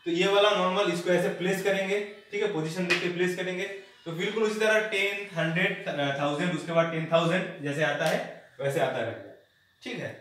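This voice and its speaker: A man's voice: high voice, brisk, a bit bright, slight background noise. A man teaching a maths class, explaining step by step and checking often whether the students have understood. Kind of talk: classroom lesson. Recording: echoey room, far from the mic.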